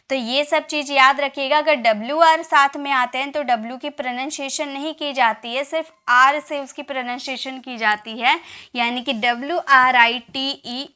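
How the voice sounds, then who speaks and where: Woman, English teacher, high bright voice, spells words and answers her own questions. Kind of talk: spoken English lesson.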